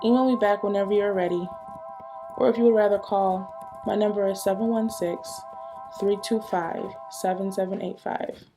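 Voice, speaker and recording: A woman voicing a young woman's comforting letter, read gently and earnestly as a voice-over. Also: mid-range voice, steady tone, moderate pace, lightly acted. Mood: tender. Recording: voice over clear music.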